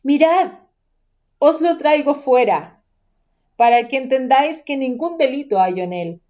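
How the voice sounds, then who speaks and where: A woman reading the part of Pilate, a grown-man governor, in a measured, questioning voice. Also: high voice, lively intonation, warm tone, highs cut off.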